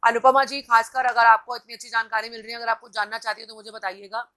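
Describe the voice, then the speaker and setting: A woman's voice: fairly high pitch, steady tone, fast, pushed and bright. A woman host giving a live-stream motivational talk, coaching viewers directly and reading out their comments. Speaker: TV anchor and host.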